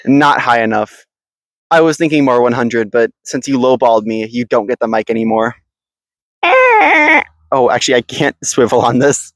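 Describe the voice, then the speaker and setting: Deadpan young man teasing outdoors. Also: medium pitch, moderate pace, long pauses, dry recording, low-quality recording. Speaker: podcast co-host. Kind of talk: casual chat. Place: outdoors in the woods. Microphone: handheld mic passed between speakers.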